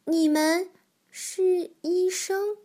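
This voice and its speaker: A woman voicing an excitable young male frog in a children's storybook, shrill and gushing. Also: very slow, heavily acted. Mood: eager. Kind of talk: storybook reading.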